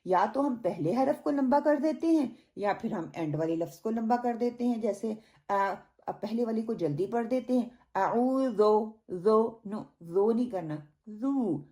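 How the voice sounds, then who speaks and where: A woman teaching a recitation lesson, stretching out each sound in slow demonstrations and then correcting common mistakes. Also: medium pitch, mellow. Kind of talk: online tajweed lesson.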